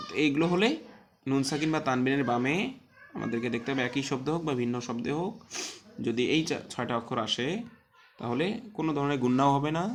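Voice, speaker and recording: Male tajweed teacher for an online class; patient, spells letters aloud and recites words slowly. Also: mid-range voice. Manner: explains step by step, asks and answers his own questions.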